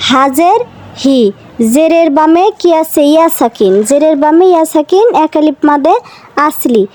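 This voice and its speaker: A woman teaching Quran reading to children in a slow, patient lesson, spelling out each letter and vowel mark, then repeating the syllable. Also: high-pitched, darkish tone, low-quality recording. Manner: asks the listeners questions and answers them herself.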